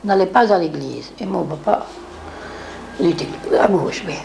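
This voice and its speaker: A woman's voice: lowish voice, lively intonation, moderate pace, creaky, darkish tone, a little hiss or hum. An older woman, reminiscing in a rambling way and acting out what others said. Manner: rambling, acts out quoted speech. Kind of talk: reminiscing oral history.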